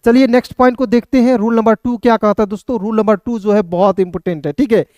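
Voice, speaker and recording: A man's voice: high-pitched, fairly even intonation, fast talker, a little mellow, no room sound. A man teaching an online language lesson, spelling words out letter by letter and repeatedly asking his viewers questions, then answering them himself. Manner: keeps addressing viewers as friends. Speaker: English teacher.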